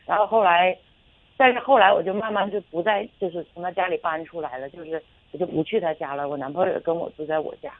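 A woman calls in to a radio show and tells a personal story, hesitant and rambling, full of fillers and restarts. She speaks fast in a lowish voice over a tinny telephone line with no echo.

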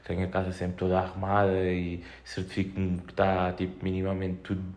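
A man's voice: sits low, monotone, a little fast, a little mellow. A young man with a European Portuguese accent, chatting casually on his own in a slangy, sweary, joking way, telling rambling anecdotes as a podcast host.

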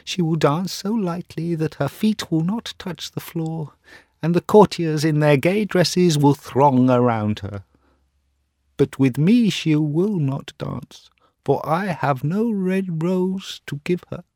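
Man doing a pining young student, high and loud, impassioned, dry room. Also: lively intonation, slow, dry recording. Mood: lovesick. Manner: impassioned, yearning, declamatory. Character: heartbroken young male student, pining and dramatic.

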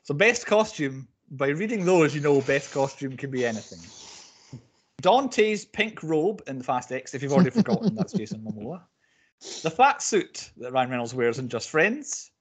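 Husky man hosting a film podcast. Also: a little high, moderate pace. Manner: animated, rambling, self-correcting. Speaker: podcast host. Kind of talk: casual film podcast chat.

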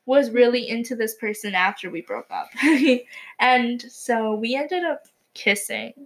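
A woman's voice: a little high, unhurried. A teenage girl co-hosting a podcast, telling a story in casual chat with frequent giggles and "like" fillers. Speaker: podcast co-host.

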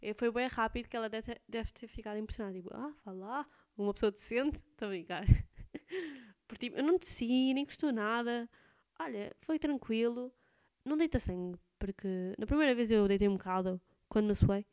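A chatty teenage girl with a European Portuguese accent rambles on to her viewers, full of fillers. Her voice sits a little high and rings smooth and clear. She sounds slightly congested, with a touch of phlegm. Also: fairly quick, a little mellow. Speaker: student vlogger. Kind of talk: casual chat to camera.

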